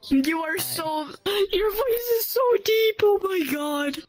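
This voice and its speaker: High-voiced female in casual chat. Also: expressive, slow, darkish tone, no room sound, soft background music.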